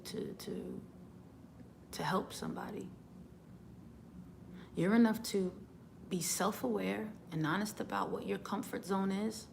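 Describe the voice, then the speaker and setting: A woman's voice: fairly low pitch, vocal fry, a little hiss or hum. A woman, a singer, giving an earnest motivational talk, often repeating words as she starts a thought.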